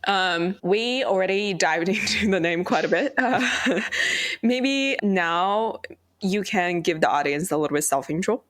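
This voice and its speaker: A man's voice: high voice, animated, measured pace, fairly bright tone, no echo, clean studio sound. A man hosting a podcast, asking friendly, curious questions in casual chat. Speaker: podcast host. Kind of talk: casual interview.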